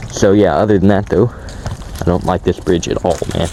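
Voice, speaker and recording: A low, dark-toned man chats loosely at a camera outdoors, full of ums and restarts. He is shivering in the cold, and his voice cracks now and then. Faint outdoor noise sits behind him. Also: fairly even intonation, normal speed, creaky. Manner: rambling, many fillers and restarts. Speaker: outdoor building vlogger. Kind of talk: casual vlog narration. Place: outdoors by a creek.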